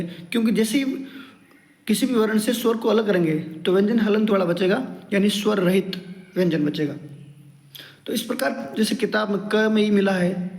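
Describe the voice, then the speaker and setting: A man teaching a grammar lesson, explaining each rule step by step and repeating it several times. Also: high-pitched. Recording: echoey room with long reverb.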